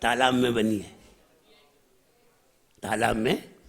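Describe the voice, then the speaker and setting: A man's voice: mid-range voice, steady tone, slow. A man, a Jain monk, preaching a sermon in a teacherly way, correcting pronunciation and asking rhetorical questions.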